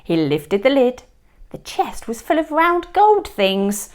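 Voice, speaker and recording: A woman teacher reading a picture book aloud to young children, expressive and dropping to a whisper at tense moments. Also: sits high, slow pace. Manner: expressive storybook reading, drops to a whisper for suspense.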